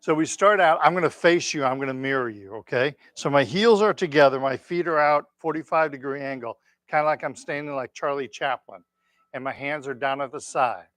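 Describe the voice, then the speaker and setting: A man teaching a tai chi class, giving gentle, unhurried step-by-step cues with encouragement. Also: medium pitch, dry recording, studio quality. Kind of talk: instructing a class through movements, step by step.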